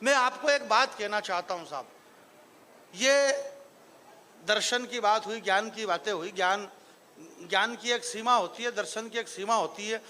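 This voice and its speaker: A man from the Marwari region works a live audience as a comic poet. He speaks into a stage microphone in a very high, bright, cutting voice. He swings from dry asides into declaimed verse, with a faint hiss of noise behind him. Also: moderate pace. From Marwari region of Rajasthan. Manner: joking asides with the crowd, rising into declaiming verse. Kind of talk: stage comedy poetry recitation.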